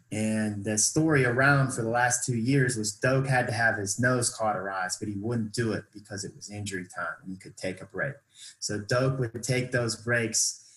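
A man who coaches wrestling, telling stories in an emphatic, animated way during a casual chat. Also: lowish voice, echoey room, low-quality recording.

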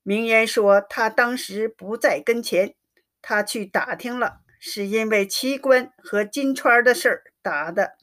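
Slow, high-voiced woman storyteller. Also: fairly bright tone. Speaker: narrator. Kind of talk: storytelling reading of a classic novel.

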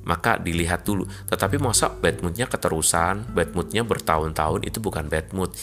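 A man preaching a sermon in a calm, measured, explanatory way to his congregation. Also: low voice, faint music behind.

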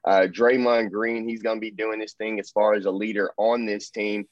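Enthusiastic low-voiced man, lo-fi. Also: level tone, moderate pace, no echo. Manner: enthusiastic, hyping, trails off with fillers. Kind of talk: casual sports chat. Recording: dull, dry lo-fi sound.

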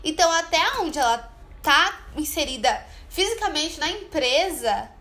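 Her high-pitched voice is lively, bright and pushed, yet her pace stays measured. She's a young podcast co-host in a casual film-recommendation chat, filling it with fillers and acting out snippets of dialogue.

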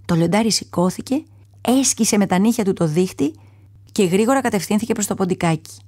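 A woman narrating a children's story aloud in a calm, measured reading, sometimes falling to a soft whisper. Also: mid-range voice, no room sound, studio quality.

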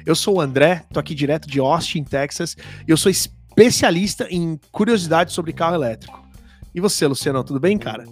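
A man with a Brazilian Portuguese accent and a slightly high voice hosts a casual podcast. He talks in an informal, chatty way full of slang and little tag questions. Faint music plays along with his voice. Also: expressive, a little fast. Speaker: podcast host.

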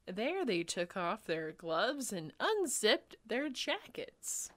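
A woman's voice: mid-range voice, sing-song, takes it slowly. A woman reading a children's book aloud to a friend with dramatic narration. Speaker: reader.

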